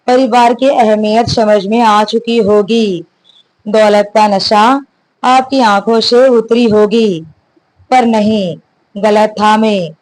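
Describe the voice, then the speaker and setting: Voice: medium pitch, a little mellow, natural voice, poor audio. A narrator voicing an angry young husband who confronts his father and stresses every word. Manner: stern, stresses each word.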